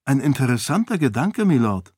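A man's voice: medium pitch, sing-song, moderate pace, darkish tone, husky, no room sound, clean studio sound, voice pushed up. A man voicing a clever young noblewoman who talks in a coy, falsely innocent way. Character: sharp-witted young noblewoman, sly.

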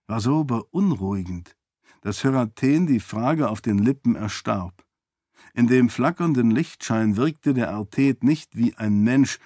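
A man narrates a fantasy novel in an even, measured way, his voice at a middle pitch. The sound is dry and close, with no room around it. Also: no echo. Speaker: audiobook narrator.

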